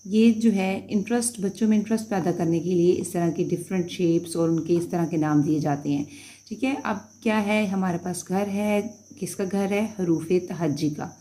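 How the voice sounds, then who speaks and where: A woman's voice: fairly low pitch, normal speed, mellow. A woman teaching a beginners' Urdu lesson, patiently sounding out letters one at a time and checking understanding as she goes.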